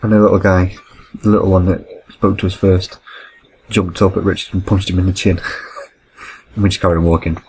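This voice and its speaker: A man's voice: low-pitched, level tone, brisk, long pauses, darkish tone, slight background noise, poor audio. A man, telling rambling, self-correcting anecdotes while commenting on gameplay. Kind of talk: casual storytelling over gameplay.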